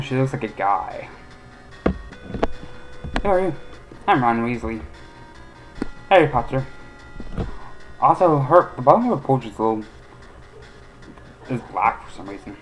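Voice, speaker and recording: A man's voice: medium pitch, low-quality recording. A man casually commenting on a retro game he is playing, rambling and opinionated with many hesitations. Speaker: let's play host.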